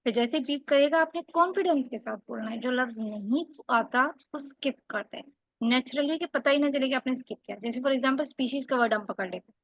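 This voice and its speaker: A woman's voice: high voice, a little fast, a bit bright, no echo, dull audio. A woman tutoring one student for a spoken English test, correcting mistakes and explaining step by step. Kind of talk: one-on-one online lesson.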